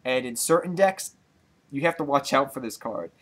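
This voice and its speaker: Winded young man chatting excitedly. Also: mid-range voice, normal speed, slightly rough. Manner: rambling, excitable, repeats himself. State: out of breath. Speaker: channel host. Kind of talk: casual card-game vlog.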